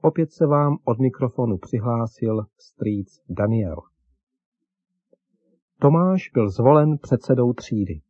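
A man narrates a scripted story for children on a radio program, in a gentle and friendly voice with a slightly husky grain. The recording is dull and lo-fi and completely dry, with no room sound. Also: medium pitch, animated, dry recording.

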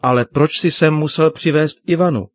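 A man's voice: a little high, no echo, voice pushed up, natural voice. A man putting on an upset, indignant teenage girl. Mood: tearful, angry. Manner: protesting, indignant.

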